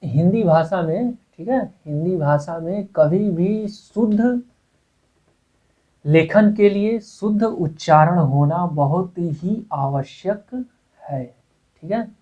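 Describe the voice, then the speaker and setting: A man's voice: high-pitched, mellow. A male Hindi grammar teacher giving an exam-prep lecture. He repeats words, asks himself rhetorical questions and keeps checking in with "okay". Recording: tinny phone-like lo-fi audio.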